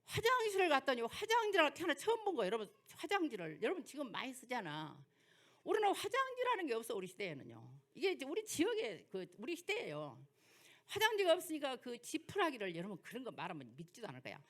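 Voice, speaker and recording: Lively older woman pastor, Jeolla accent. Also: high voice. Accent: Jeolla dialect. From Jeolla, South Korea. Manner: animated, folksy storytelling with rhetorical questions. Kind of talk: sermon lecture with personal stories.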